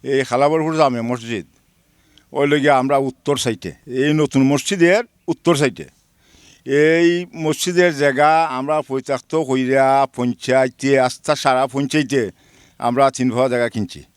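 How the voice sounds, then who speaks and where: A man's voice: mid-range voice, steady tone, measured pace, smooth, no echo, clean studio sound. A man giving an earnest spoken statement to the press, listing names one by one. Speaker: local villager giving a statement. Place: beside a village mosque.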